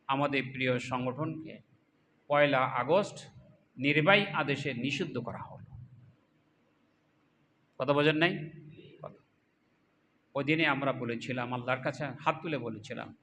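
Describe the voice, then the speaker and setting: A man giving a fiery political sermon to a crowd, asking rhetorical questions and swinging between loud cries and low asides. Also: slight background noise. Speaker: Islamic political speaker.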